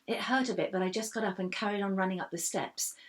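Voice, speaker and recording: A woman reading a first-person children's story aloud in a steady, expressive way. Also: mid-range voice, quick pace. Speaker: reader.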